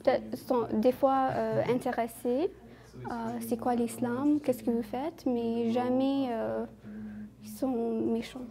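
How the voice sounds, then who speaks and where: A young woman from Canada, answering interview questions in a slow, hesitant way with many fillers. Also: on the high side, steady tone.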